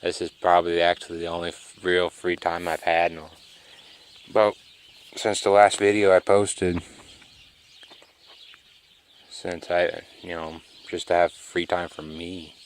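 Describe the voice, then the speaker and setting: Man, very deep voice, drowsy rambling vlog chat, phone mic outdoors. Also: fairly even intonation, a little slow, pauses often, slight background noise. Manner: laid-back, rambling, drawling. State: sleepy, yawning. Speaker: car vlogger. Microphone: phone camera.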